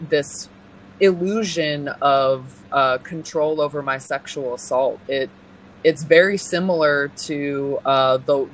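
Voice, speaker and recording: A deep-voiced young woman from California, appearing as an interview guest, tells her personal testimony in an earnest, faltering way marked by pauses and restarts. Slight background noise runs through the rough recording.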